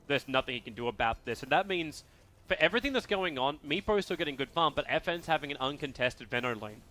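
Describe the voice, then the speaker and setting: Bright-voiced man calling esports play-by-play. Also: a little high, fast. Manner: excitable, rising to shouts at big plays. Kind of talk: live esports commentary.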